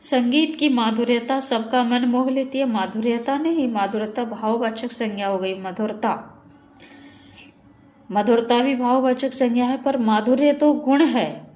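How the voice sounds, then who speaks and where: A woman's voice: on the high side, steady tone, measured pace, darkish tone. A woman teaching Hindi grammar in a methodical way, reading each sentence and then correcting it. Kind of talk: online exam-prep lesson.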